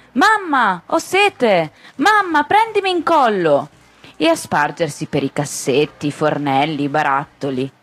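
A woman reading a folk fairy tale aloud, lively and expressive, voicing the characters. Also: deep voice, breathy edge. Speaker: storyteller.

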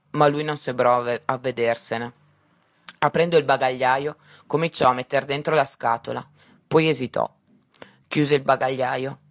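A man reading a story aloud in a measured, unhurried way. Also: medium pitch, dry recording, studio quality.

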